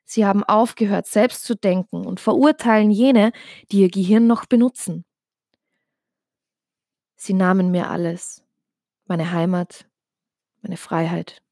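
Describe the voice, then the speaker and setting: A woman giving an emotional, intense reading of a dark first-person story, with some passages dropped to a hush. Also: medium pitch, unhurried, creaky, pauses often, no echo, studio quality.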